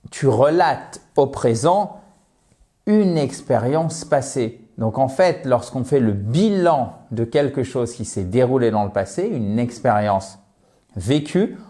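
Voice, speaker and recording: A man explaining English grammar to viewers in a lively, direct way, joking about his own slips. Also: mid-range voice, slow pace. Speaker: English teacher.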